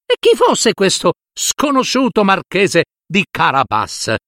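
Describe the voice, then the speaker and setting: A man's voice: high-pitched, huge pitch swings, takes it slowly, pushed and bright, no room sound, clean studio sound, voice pushed up, exaggerated voice. A man voicing a good-natured old king from a fairy tale, asking polite, curious questions. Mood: wondering. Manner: polite and inquisitive.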